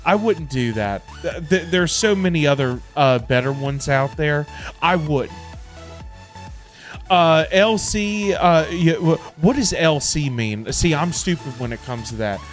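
With lively intonation and a slightly high voice, a middle-aged American man streams games casually from home, keeping a measured pace. Background music runs while he rambles loosely, circling back to repeat himself in easygoing slang.

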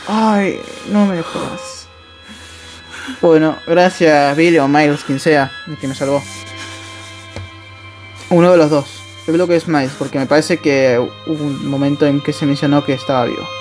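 A man with an Argentine accent commenting on a horror game as he plays, jumpy and excitable, yelping, laughing and swearing casually. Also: fairly high pitch, normal speed, soft background music. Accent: Argentine Spanish. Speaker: gameplay streamer.

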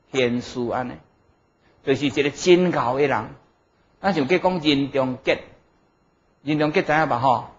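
In a somewhat high male voice, a middle-aged Buddhist monk with a Taiwanese Hokkien accent gives a didactic Dharma lecture. Seated at a desk before a blackboard in an indoor lecture room, he punctuates his points with short interjections and questions to check understanding. The recording sounds a little dull and lo-fi.

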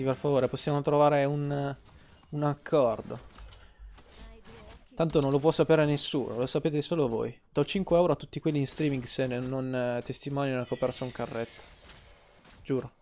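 Guy streaming a game, swears constantly, rants and jokes at chat, mid-pitched voice. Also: fairly even intonation, moderate pace, pauses often, darkish tone, a little hiss or hum. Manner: profane, ranting, teasing, talks to chat. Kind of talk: casual live-stream gameplay commentary.

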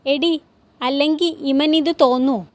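Woman doing a father, gruff, scornful, short-tempered, brusque, storybook reading. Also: extremely high pitch, steady tone, unhurried, no echo.

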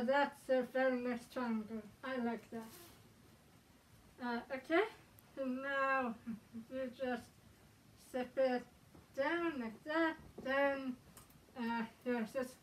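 A woman's voice: high voice, a bit bright, a little hiss or hum. A woman speaking through a balaclava, talking casually and hesitantly with many ums and uhs while she demonstrates something. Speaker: fursuiter showing how to suit up. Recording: voice from a distance.

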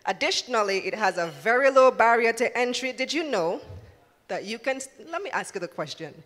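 A woman's voice: on the high side, animated, a little fast, a bit bright. A woman giving a live talk to an audience as a finance journalist, engaging and asking the room questions. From Jamaica. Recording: reverberant hall.

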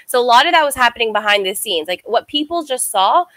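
A woman's voice: a little high, animated, fast, a bit bright, no echo. A woman from the United States, a guest streamer, telling stories casually in an interview and saying "like" often. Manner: chatty, heavy use of "like".

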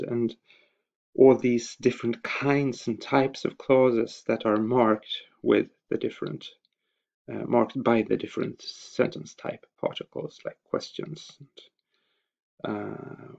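Slow, gravelly-voiced male lecturer. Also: mid-range voice, steady tone, a little mellow. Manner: hesitant, many filler pauses. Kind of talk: recorded slide lecture. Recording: dull lo-fi voice recording.

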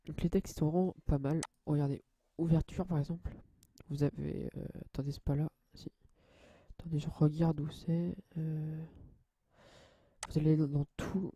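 A young man hosting a casual software tutorial, hesitant and full of fillers and restarts, addressing viewers as guys. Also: fairly high pitch, slight background noise. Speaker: channel host.

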